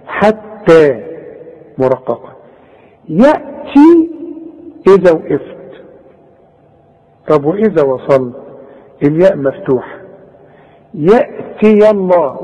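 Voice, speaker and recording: High-voiced Egyptian man teaching recitation. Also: mellow. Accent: Egyptian Arabic. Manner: drills sounds, models correct and wrong pronunciations, chiding. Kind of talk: tajweed lesson with corrections. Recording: echoey, dull lo-fi tape recording.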